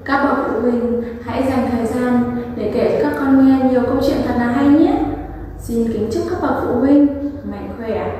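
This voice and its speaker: A preschool teacher addressing children and parents in a sing-song, teacherly way. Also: female voice, fairly high pitch, normal speed, mellow. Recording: very echoey room from far off, faint noise.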